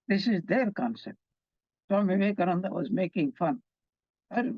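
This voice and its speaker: A monk with a high, slightly mellow voice leads a conversational scripture class, telling stories and posing rhetorical questions. There's no echo, though the sound is slightly dull and muffled.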